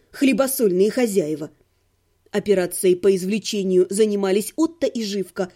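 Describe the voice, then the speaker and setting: Woman, high voice, mellow tone, wry first-person audiobook narration. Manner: wry, ironic.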